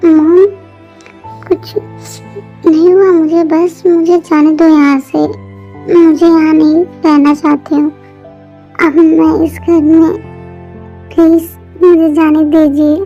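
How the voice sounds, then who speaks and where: A woman plays a tearful young wife in a fan-dubbed drama, speaking in a high, flat, dark voice. The recording is muffled and lo-fi, with faint music underneath. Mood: tearful pleading. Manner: pleading, emotional, slow. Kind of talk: amateur Hindi fan dub drama. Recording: muffled lo-fi audio with soft music.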